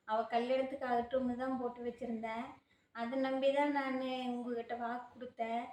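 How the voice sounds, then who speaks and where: A woman's voice: a little high, echoey room, close to an everyday voice. A woman playing a poor mother who has lost her savings, pleading and lamenting in a home-made family skit.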